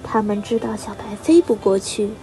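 A teenage girl reading a children's story aloud, steady and expressive, as a student reader. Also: medium pitch, moderate pace, over music, low-quality recording. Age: teens. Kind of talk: storybook narration.

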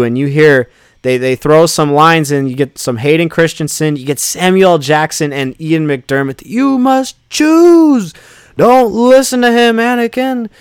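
Excited man recapping, smooth clear voice. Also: a little high, no room sound, studio quality. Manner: excited, rambling, many fillers. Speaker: podcast host. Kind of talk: casual episode recap.

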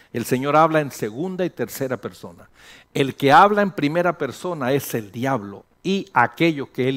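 Older pastor, lively sermon. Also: male voice, on the high side. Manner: animated, jokes with the congregation, mixes English phrases. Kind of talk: sermon teaching.

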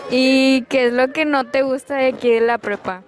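A woman's voice: high-pitched, steady tone, moderate pace, a crowd in the background, background noise. A young woman asking a classmate short interview questions outdoors at school, with a light, giggly manner. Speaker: student interviewer. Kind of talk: casual interview.

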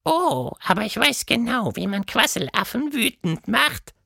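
A storyteller putting on the voice of a playful, mischievous male monster in a children's audiobook, speaking in a squeaky, teasing manner. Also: sing-song, unhurried, gravelly, bright, forceful tone, husky, no room sound, clean studio sound, full character voice. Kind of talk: storybook reading.

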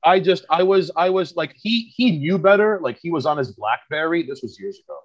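A man's voice: a little high, animated, a little fast. A man in his thirties from Queens, a podcast guest in casual chat, rambling and swearing with many stammered restarts. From Queens, New York. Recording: slightly dull lo-fi audio.

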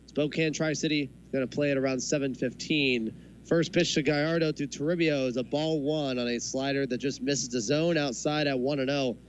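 A man doing live baseball commentary in measured, short phrases with pauses, as the play-by-play announcer. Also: medium pitch, fairly even intonation, low-quality recording. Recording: clear background noise from a ballpark. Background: ballpark ambience.

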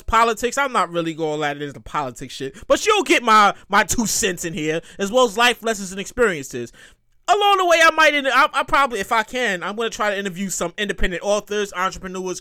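A man in his thirties runs a casual solo podcast, his voice high and smooth. He rambles, curses, repeats himself, and animatedly acts out quotes.

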